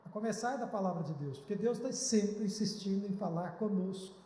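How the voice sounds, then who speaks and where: A man's voice: high voice, brisk, warm tone. A male pastor preaching a sermon in an earnest, pleading way, recorded in a church. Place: church hall. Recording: echoey church hall.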